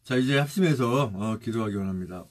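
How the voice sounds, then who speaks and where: Husky-voiced male pastor. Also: medium pitch, a little fast. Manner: exhorting, then steadily reciting lists of names. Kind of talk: sermon and spoken prayer.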